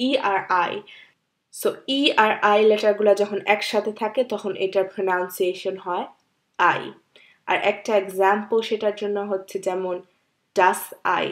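Woman patiently teaching beginner German. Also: medium pitch. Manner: slow, repeats example words one by one, with fillers. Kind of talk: beginner language lesson.

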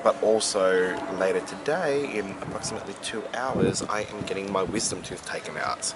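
A man's voice: fairly low pitch, moderate pace. A man in his twenties chatting casually to a handheld camera as a vlogger. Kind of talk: casual vlog talk. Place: outdoors on a city street. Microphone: handheld camera at arm's length. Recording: noisy outdoor camera audio with vehicle ambience.

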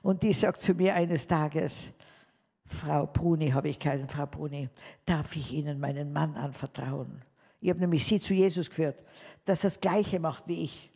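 A woman's voice: deep voice, normal speed, gravelly, mellow, slightly rough, in a large hall. A woman giving a spoken testimony to a live audience, telling her story vividly and calling her listeners dear ones.

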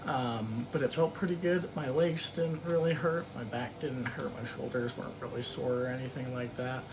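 Guy in his 20s doing a laid out casual vlog recap indoors, average pitch, noisy audio. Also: fairly even intonation, moderate pace. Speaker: running vlogger. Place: indoors in a room at home.

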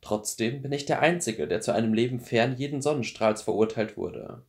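A man voicing a weary, regretful older mentor in an audiobook, speaking calm and measured. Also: medium pitch, close to an everyday voice.

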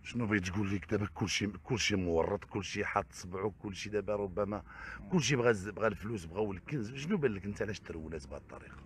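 A man's voice: lowish voice, rapid-fire, slight background noise. A man with a Moroccan Arabic accent interviewing a guest, pushing with pointed follow-up questions. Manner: probing, pushes with follow-up questions.

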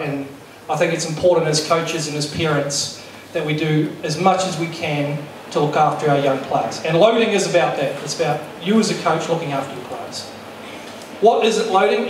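A middle-aged man presenting to a workshop as a fast bowling coach, candid and self-deprecating, speaking into a handheld microphone in a lecture room. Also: fairly high pitch. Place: large lecture room with projector. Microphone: handheld mic. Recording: echoey room, distant sound, faint noise.

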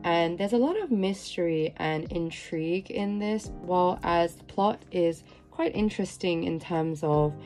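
A woman's voice: on the low side, mellow. Nasal-voiced woman chatting through an unboxing. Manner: chatty and upbeat. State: nasal from a cold. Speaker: manga vlogger. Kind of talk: casual unboxing chat.

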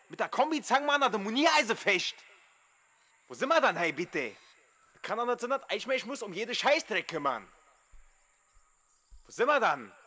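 Man acting out a high-pitched berserk Saarland ranter. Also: sharp tone, exaggerated voice. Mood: exasperated rage. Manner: berserk ranting, indignant, scolding. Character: berserk, raging man berating incompetent building workers. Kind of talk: comic dialect dub.

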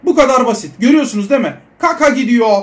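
High-voiced excitable young gamer man. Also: quick pace, background noise. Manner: excitable, chatty, talks to viewers. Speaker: mobile football gaming creator. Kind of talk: casual gameplay commentary.

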